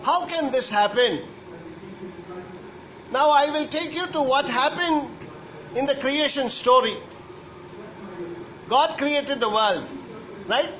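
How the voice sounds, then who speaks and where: A man's voice: extremely high pitch, pushed and bright, slight background noise, rough recording. A priest giving a homily to children, asking them question after question and repeating himself as he goes. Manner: slow, questioning, repeats questions to young listeners. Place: church.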